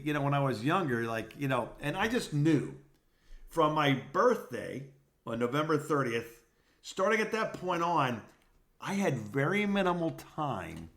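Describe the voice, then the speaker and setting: A man with a voice on the high side co-hosts a podcast, chatting casually. He tells things in an animated way and often repeats himself.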